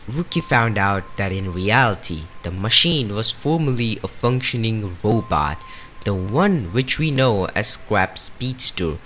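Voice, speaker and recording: A man narrates scripted game lore in a dramatic, animated way. His voice sits on the low side but swings widely in pitch for emphasis. Music plays clearly underneath him. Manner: dramatic, with rising and falling emphasis.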